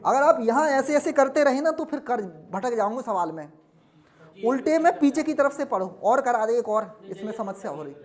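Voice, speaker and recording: A man's voice: very high-pitched, big pitch swings, normal speed. A man teaching a classroom lesson, drilling students with repeated questions and answers and scolding them now and then.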